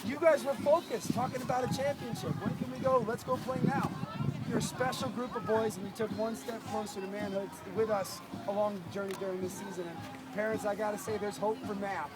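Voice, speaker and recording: A man's voice: high-pitched, fairly even intonation, a little fast, poor audio. A man coaching youth football, speaking earnestly outdoors to his team and repeating phrases for emphasis. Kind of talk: impromptu motivational team speech.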